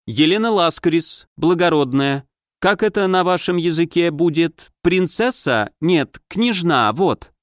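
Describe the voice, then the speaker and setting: A man's voice: on the high side, expressive, measured pace, dry recording, studio quality. A man reading an audiobook, voicing a young, hot-tempered foreign princess who speaks with a strong accent. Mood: explaining. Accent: strong foreign accent in Russian, put on. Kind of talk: audiobook character voice.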